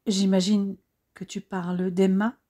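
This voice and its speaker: A woman voicing a young male officer, anxious and devoted, speaking softly and from the heart. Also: medium pitch, little pitch movement, unhurried, natural voice. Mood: heartfelt.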